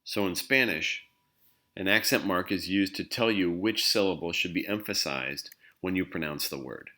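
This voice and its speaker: Male language teacher, very low voice, patient scripted explainer. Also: normal speed, bright, forceful tone. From English-speaking country. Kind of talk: scripted instructional narration.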